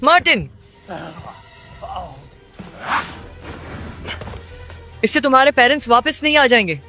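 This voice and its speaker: A youthful hero speaks in a bright, very high voice. He is earnest and quick-witted, in the manner of a dubbed video game, with music underneath. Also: lively intonation, full character voice. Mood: serious. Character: young male superhero, earnest, quick-witted, pleading.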